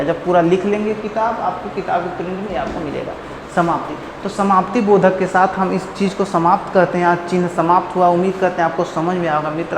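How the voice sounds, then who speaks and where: A male teacher giving a lively online grammar lesson, keeping it light with jokes and friendly asides to his viewers. He stretches out words to show how they sound. His voice rings in an echoey room with a long reverb and a faint hum behind it. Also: sits high. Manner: playful, jokey, calls listeners "friend", stretches words to show them.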